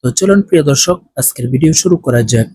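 Higher-voiced male recitation teacher. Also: animated, fast talker, mellow, slightly rough, dry recording. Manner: spells out letters and vowel marks one by one, patient and instructive. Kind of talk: spoken tutorial lesson.

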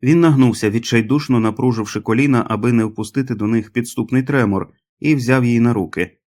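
A man reading an audiobook aloud as the narrator, in a measured, dramatic manner. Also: medium pitch, darkish tone. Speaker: audiobook reader.

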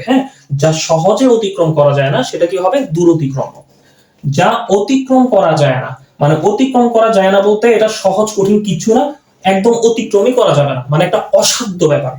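A man's voice: high voice, dark tone, roomy sound. A man teaching an exam-prep grammar lesson, repeating points and answering his own questions step by step.

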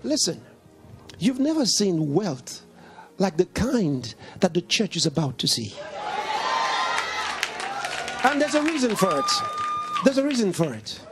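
Emphatic pastor preaching with lively pitch. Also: male voice, unhurried, long pauses, loud music behind the voice, a loud crowd. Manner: emphatic, repeats lines, swings between shouting and low tones. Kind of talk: sermon.

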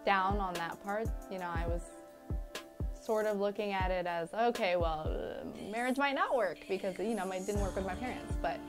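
A woman's voice: mid-range voice, moderate pace. A young woman from Liberia answering interview questions, chatty and laughing often, with frequent fillers. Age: young adult. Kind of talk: casual interview. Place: indoor studio set with curtains. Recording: studio interview with music underneath. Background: background music.

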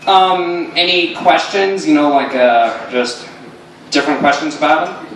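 A man's voice: fairly high pitch, steady tone, measured pace, fairly bright tone. A young man doing casual stage comedy as a ventriloquist playing straight man, talking hesitantly. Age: young adult. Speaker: amateur ventriloquist. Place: small indoor comedy stage, filmed from the audience. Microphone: stage mic picked up by far camera. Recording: echoey noisy venue, distant camera mic.

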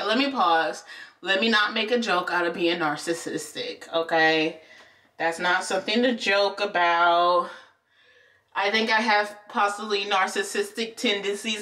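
Woman, young adult, beauty vlogger, casual chat, playful, rambling, higher voice, distant mic. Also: bright, forceful tone. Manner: playful, rambling, laughing often; talks with her eyes closed.

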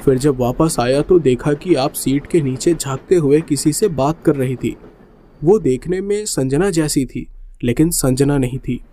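A man's voice: a little high, unhurried, dark tone, slight background noise, close to an everyday voice. A man voicing an anxious male traveler who urges and stammers nervously. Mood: urgent nervous.

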